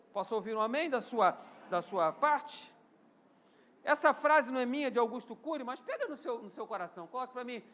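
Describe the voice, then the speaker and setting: During a live sermon, a Rio-accented Brazilian preacher in his fifties leads his congregation in call-and-response, prompting them to echo his words and reply amen. His voice sits strikingly high for a man, and he swings between loud, forceful climaxes and softer stretches.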